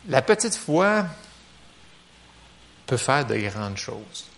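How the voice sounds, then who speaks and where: A man with a Québécois French accent, preaching a casual sermon in a church, lively and joking, full of fillers. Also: mid-range voice, very slow, gravelly.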